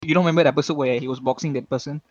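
A man with a somewhat high voice who talks fast and teasingly, tripping over repeated words in casual podcast chat. The recording is dry and close. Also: fairly even intonation, no echo, highs cut off. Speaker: podcast co-host.

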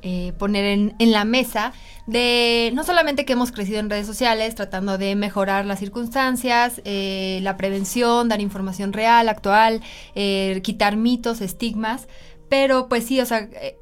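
A woman's voice: medium pitch, fairly even intonation, a little slow, smooth. Earnest woman moderating. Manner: earnest, steering the conversation. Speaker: doctor and panel moderator. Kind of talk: panel discussion.

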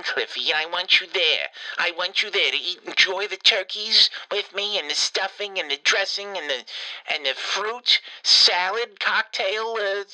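A rambling, foul-mouthed old grandmother, as a man puts her on leaves a long voicemail in a very bright, sharp voice. She swings between doting pet names and cursing in the same breath. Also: sits high, rough recording. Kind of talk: comedic prank voicemail.

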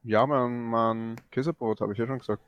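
A man's voice: mid-range voice, fairly even intonation, a little fast, clean tone, no echo, muffled recording. Young man, podcast guest, laid-back, hesitant, dry close sound. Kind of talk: casual chat among friends.

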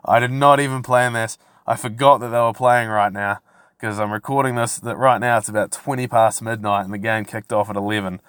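A man's voice: on the low side, fairly even intonation, brisk, fairly bright tone, clear, resonant tone, no room sound, studio quality. A man hosting a solo podcast, ranting casually in a brash, sweary, tongue-in-cheek frat-bro manner. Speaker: podcast host.

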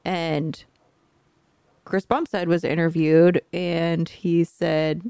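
A woman co-hosting a podcast as a coach, chatting and explaining in a lively, conversational way. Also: fairly low pitch, slow, clear, resonant tone, no echo, clean studio sound. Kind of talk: casual chat.

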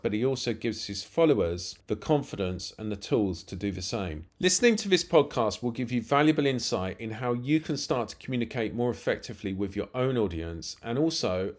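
Male podcast host with a low-pitched voice, earnest and encouraging. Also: a little mellow. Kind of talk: scripted intro and interview questions.

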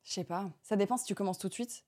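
A young woman hosting a casual podcast, reading listener stories aloud and reacting with animated laughter. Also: medium pitch, fast. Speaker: podcast host.

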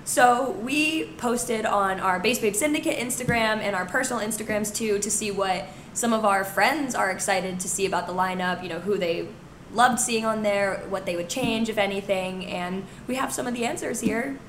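Young woman podcast host, raspy like a smoker, voice kinda gone, excited chat, echoey room. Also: mid-range voice, moderate pace. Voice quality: hoarse smoker-like rasp. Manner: enthusiastic. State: hoarse, voice nearly gone. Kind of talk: casual chat. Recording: roomy echo with background noise.

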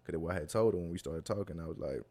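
A man's voice: sits low, animated, very fast, a little mellow. A young man, a guest on a casual talk show, telling stories in loose, slangy talk and laughing through them. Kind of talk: casual storytelling chat.

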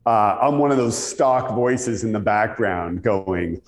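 A middle-aged man from Ontario, Canada, with a radio-style voice on the low side speaks at a slow pace. He tells conversational anecdotes as an interview guest, recorded in an echoey room with long reverb.

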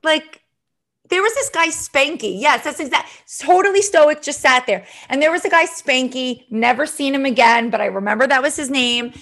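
A woman's voice: sits high, normal speed, a bit bright. A woman, hosting a podcast as a comedian. She chats casually and says "like" often. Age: 30s. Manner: chatty, heavy use of "like".

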